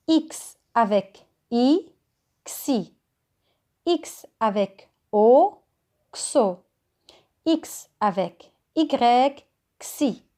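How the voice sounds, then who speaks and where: Very slow, high-voiced teacher woman. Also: dark tone. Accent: Moroccan French. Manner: spells letters and syllables out slowly and carefully. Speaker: kindergarten teacher. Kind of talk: slow phonics reading lesson for young children.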